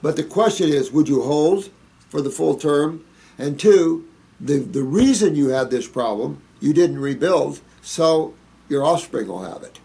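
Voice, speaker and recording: A man answering viewer questions in a loose, rambling monologue, folksy and preachy. His voice is gravelly and dark, pitched a little above most men's. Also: lively intonation, measured pace.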